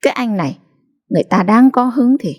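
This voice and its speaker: A woman voicing a quick-tempered young wife who answers back sharply and indignantly. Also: on the high side, animated, darkish tone, pitched above the performer's own voice. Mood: coaxing.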